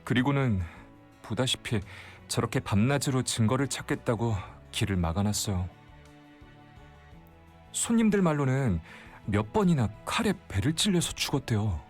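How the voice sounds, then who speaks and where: A male actor voicing a polite young shopkeeper in a mystery game, courteous and talking briskly. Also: mid-range voice, soft background music, close to an everyday voice. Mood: concerned. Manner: courteous, lively, quick speech. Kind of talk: game voice acting.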